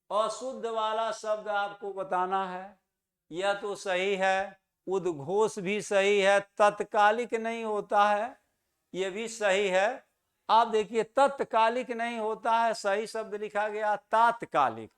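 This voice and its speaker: A man teaching a Hindi grammar lesson for exam students, who asks questions and answers them himself and repeats key words slowly to stress their correct pronunciation. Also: high-pitched, a bit bright.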